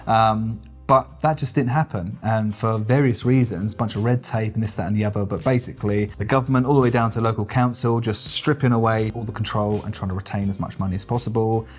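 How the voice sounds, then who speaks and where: A man's voice: lowish voice, steady tone, brisk, few pauses. Joking man in casual chat. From United Kingdom. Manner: chatty, joking and sarcastic. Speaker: family travel vlogger.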